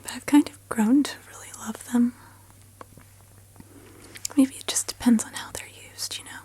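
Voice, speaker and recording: A woman in a whispered role-play of a spa pampering session, speaking softly and soothingly, with gentle personal attention to the listener. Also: fairly high pitch, fairly even intonation, moderate pace. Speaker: ASMR host.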